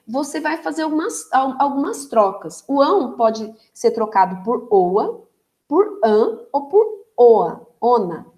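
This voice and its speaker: A Brazilian woman teacher giving a recorded grammar lesson, patient and explanatory, checking understanding with quick tag questions and stretching words to stress their syllables. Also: on the high side, darkish tone. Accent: Brazilian Portuguese.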